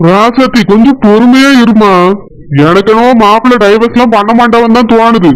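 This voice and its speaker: A man voicing a patient village man in a cartoon, gentle and soothing, with a Tirunelveli Tamil accent. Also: extremely high pitch, fairly even intonation, a little fast, heavy background noise. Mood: calming. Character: patient village elder brother, calm peacemaker. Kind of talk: cartoon voice acting.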